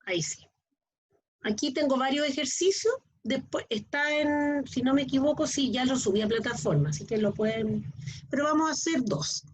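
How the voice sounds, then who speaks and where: Husky woman teaching online. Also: high-pitched, normal speed. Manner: explains with frequent checking questions. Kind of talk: online class lecture. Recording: dull lo-fi online class audio.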